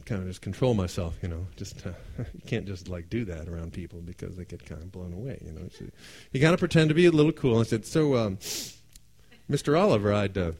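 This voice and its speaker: A man telling a personal story in an animated way, acting out voices and laughing often. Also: low-pitched, fast, few pauses, breathy edge.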